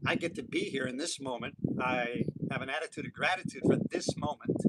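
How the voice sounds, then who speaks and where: A man's voice: medium pitch, a little fast. Sixties guy live streaming outdoors, upbeat and rambly, lotta background noise. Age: 60s. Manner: upbeat, motivational, rambling with restarts. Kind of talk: casual live-stream monologue. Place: outdoors on an island. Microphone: phone or camera for a live stream.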